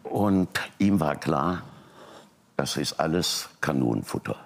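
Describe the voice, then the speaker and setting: An older man, a talk show guest, telling a personal family story and acting out the people he quotes. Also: takes it slowly. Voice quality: very deep, gravelly and husky. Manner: animated retelling, voicing quoted people.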